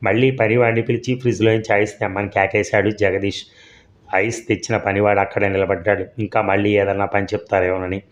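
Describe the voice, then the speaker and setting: A man reading out a story in a steady, even way. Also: fairly low pitch, a little fast. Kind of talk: scripted story narration.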